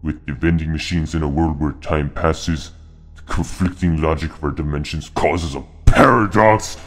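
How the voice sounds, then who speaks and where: A man voicing a scheming male bear character delivering a slow, ominous monologue for a game. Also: extremely low pitch, flat delivery, darkish tone, faint music behind. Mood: grave.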